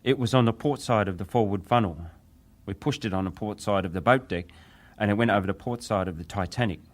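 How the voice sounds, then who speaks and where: Played by a male actor, a young ship's wireless operator with a deep, natural voice gives testimony at a dramatized hearing. As a survivor weighing his words, he answers with measured deference and occasional hesitation, his mood subdued and deferential.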